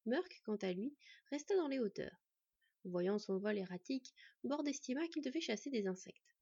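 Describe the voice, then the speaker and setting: A woman reading a fantasy story aloud in an even storytelling manner. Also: on the high side, moderate pace, slightly rough, dry recording. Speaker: audiobook narrator. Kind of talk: scripted narration. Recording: dry, slightly dull.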